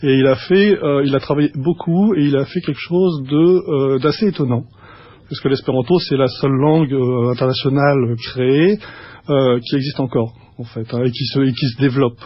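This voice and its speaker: Husky guy on a radio show, lots of restarts and ums, dry dull sound. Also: medium pitch, steady tone, no room sound. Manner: explanatory, halting with many restarts and fillers. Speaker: guest speaker. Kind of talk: radio studio conversation.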